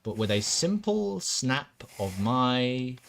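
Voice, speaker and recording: A man's voice: mid-range voice, big pitch swings, takes it slowly, gravelly, background noise, exaggerated voice. Man putting on a languid, pompous regency aristocrat villain. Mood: smug, menacing. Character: bored, haughty aristocratic villain, lord of mansion. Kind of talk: video game dialogue read aloud in character.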